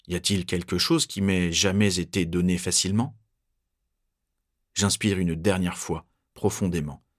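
A man reading a first-person story aloud in a measured, tense narrating voice. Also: low-pitched.

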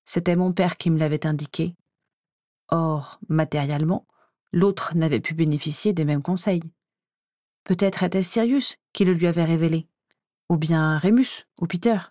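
A woman reading a first-person story aloud in an even, measured way. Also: low-pitched, no echo, studio quality. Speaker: audiobook reader.

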